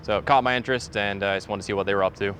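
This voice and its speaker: A man's voice: fairly low pitch, fairly even intonation, rapid-fire, noisy background. A male police deputy recounting an incident in a matter-of-fact interview style.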